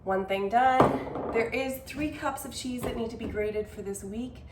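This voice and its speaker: A woman's voice: fairly high pitch, a little slow, reverberant, distant mic, heavy background noise. Chatty woman prepping food in a kitchen. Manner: chatty, self-deprecating, talks while working in the kitchen. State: a little out of breath. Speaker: cooking vlogger. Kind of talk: casual meal-prep vlog. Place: home kitchen.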